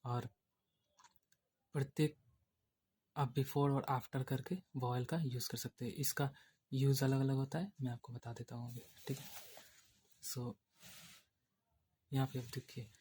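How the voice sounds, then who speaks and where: Man, shorthand teacher, lesson, flat intonation, repetitive explaining. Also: medium pitch, measured pace, long pauses, breathy edge. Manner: repetitive explaining, checks in with "theek hai". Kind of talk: classroom lesson explaining at a board.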